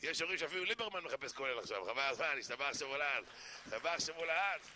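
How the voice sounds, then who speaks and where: A man giving a sermon that mixes jokes with Torah teaching, telling stories in an animated way and acting out the characters. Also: a little high, slight background noise. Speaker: preacher.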